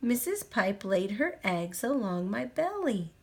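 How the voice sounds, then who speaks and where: Slow and unhurried, an adult woman with a medium-pitched, very animated voice reads a children's storybook aloud in a gentle sing-song that rises and falls a lot. Now and then she stops to show things to a little listener at home.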